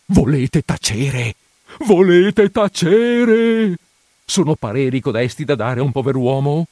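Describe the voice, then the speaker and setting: Un uomo che dà voce a un vecchio curato pauroso e lamentoso in un audiolibro letto ad alta voce. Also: male voice, mid-range voice, fairly quick, dark tone, no room sound, clean studio sound, lightly acted. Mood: exasperated. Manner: fretful, whining and exasperated, with sighs. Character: anxious, fearful elderly country priest.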